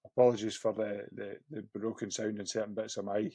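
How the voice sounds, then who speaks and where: A Scottish man hosting a podcast interview, talking in a halting way with many restarts and fillers. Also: lowish voice, little pitch movement, mellow, slightly rough, dry recording. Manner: hesitant, lots of restarts and fillers. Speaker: podcast host.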